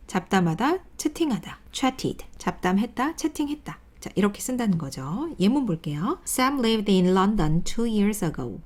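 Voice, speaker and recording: A woman teaches English grammar in a recorded lesson, speaking. Her pitch moves a lot as she explains step by step. She reads vocabulary pairs slowly and clearly. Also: a little mellow. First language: Korean.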